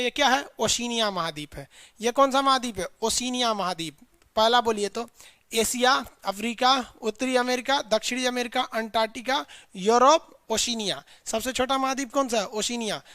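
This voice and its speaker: Chatty teacher drilling a class. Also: male voice, very high voice, sharp tone, no echo. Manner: drills class in call-and-response lists; chatty, scolding asides to students. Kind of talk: live online geography class.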